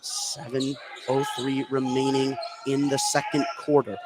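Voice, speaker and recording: A play-by-play announcer calls a basketball game live in an indoor high school gym, with clearly noisy gym ambience behind him. His mid-range voice is completely flat and measured in pace, though his delivery swells as the action heats up.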